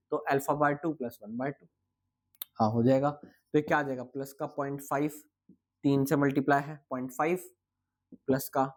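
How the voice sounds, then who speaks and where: A man's voice: mid-range voice, a little mellow. A young man teaching physics in a casual, chatty exam-prep lecture, asking and answering his own questions and sounding tired.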